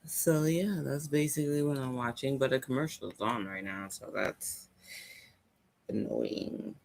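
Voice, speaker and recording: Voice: medium pitch, moderate pace, creaky, dry recording. A young adult chatting casually on a home livestream, rambling and thinking aloud into a laptop mic.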